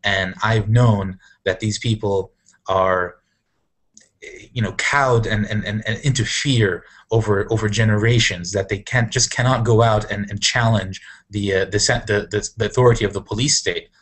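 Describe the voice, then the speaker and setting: A man from Syria hosting an online panel, talking in a halting way with many restarts. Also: fairly low pitch, fairly even intonation, fairly bright tone, husky. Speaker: host of an online panel discussion. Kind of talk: casual live video discussion.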